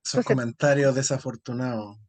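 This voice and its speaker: A man's voice: mid-range voice, steady tone, fairly quick, a little mellow. A man from Chile hosting an interview, putting loose, searching questions to his guest.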